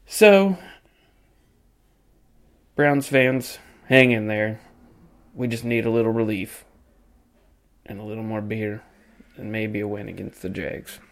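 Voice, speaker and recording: A man's voice: fairly low pitch, flat delivery, a little slow, long pauses. A man delivering a reflective monologue, musing aloud with frequent "you know" fillers. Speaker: podcast segment host.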